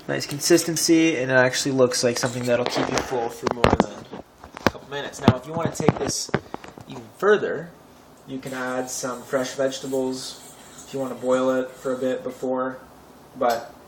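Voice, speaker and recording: A young man hosting a home cooking tutorial, chatty and offhand with wry asides. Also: mid-range voice. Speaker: cooking show host. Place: home kitchen. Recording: echoey kitchen, distant camera mic, noisy. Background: clattering pots and cutlery.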